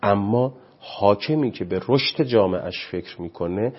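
A man's voice: lowish voice, husky, lo-fi sound. A man speaking as a guest on parenting, preachy and impassioned, often quoting scripture. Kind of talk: animated studio talk.

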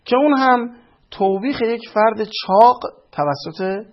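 A man with a fairly high voice gives argumentative commentary on film clips and backs his points with cited sources. The recording is dull and lo-fi. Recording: dull lo-fi audio.

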